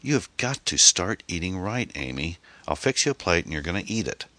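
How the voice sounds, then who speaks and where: A man's voice: low voice, big pitch swings, brisk, sharp tone, no echo, pitched above the performer's own voice, exaggerated voice. A man voicing a worried, hesitant middle-aged single mother. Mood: motherly.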